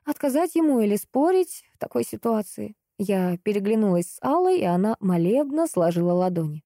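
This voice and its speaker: A woman narrating a novel in the first person, expressive and measured. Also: mid-range voice, no room sound, clean studio sound. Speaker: audiobook narrator.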